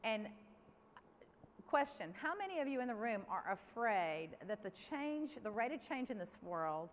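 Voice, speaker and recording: Woman giving a keynote in a hall. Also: medium pitch. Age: middle-aged. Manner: lively, candid, addresses the audience directly. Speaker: keynote speaker. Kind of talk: conference keynote speech. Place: large conference hall. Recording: long hall reverb, faint room noise.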